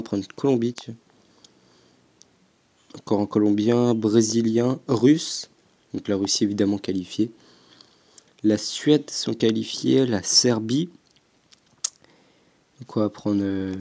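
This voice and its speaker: A young man talks through a football game in casual commentary, pausing often to think aloud. His voice sits a little low and mellow, and he speaks slowly. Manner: slow, hesitant, thinking aloud with frequent "euh". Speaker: gaming YouTuber.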